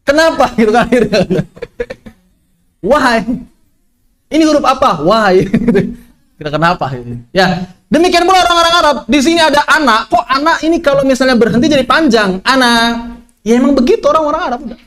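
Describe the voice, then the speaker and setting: A man teaching an online tajwid lesson, lively, asking questions and answering them himself. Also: very high voice, fast talker. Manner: lively, asks and answers his own questions. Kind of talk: online Quran recitation lesson.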